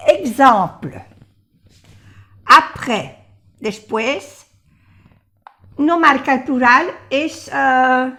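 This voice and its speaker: Older female teacher, slightly high voice, very slow and patient delivery. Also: bright, forceful tone. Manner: patient, repeats each word slowly. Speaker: language teacher. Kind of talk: slow explanatory lesson.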